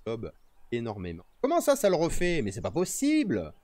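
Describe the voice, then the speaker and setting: A man's voice: medium pitch, wildly swooping pitch, moderate pace, darkish tone, dry recording. A man streaming outdoors, talking casually to himself and his viewers while fiddling with his microphone settings. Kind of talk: casual live-stream chat. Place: outdoors in nature. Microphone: streaming microphone with noise gate.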